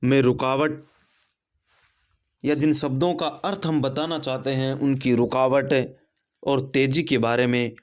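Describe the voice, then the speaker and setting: A man's voice: mid-range voice, flat delivery, unhurried, long pauses. A man teaching a Hindi grammar lesson, explaining step by step with example sentences. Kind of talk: classroom lesson.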